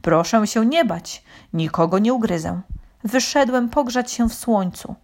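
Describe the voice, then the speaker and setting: A woman voicing a calm, courteous male grass snake with a deep bass voice in a children's story. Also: a little slow. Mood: calm polite.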